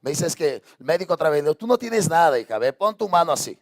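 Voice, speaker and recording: A man's voice: a little high, animated, racing. A man preaching a sermon as pastor, impassioned, throwing out repeated rhetorical questions to his congregation. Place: church sanctuary.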